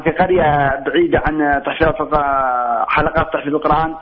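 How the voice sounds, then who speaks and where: A caller from Tihama Asir in Saudi Arabia who greets quickly and politely, then recites the Quran slowly. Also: male voice, on the high side, a crowd in the background. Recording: tinny phone line.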